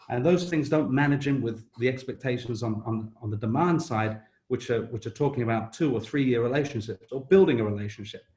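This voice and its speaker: A man's voice: mid-range voice, darkish tone. A man speaking on a business panel, direct and conversational, often saying "you know". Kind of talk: panel discussion answer. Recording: roomy echo.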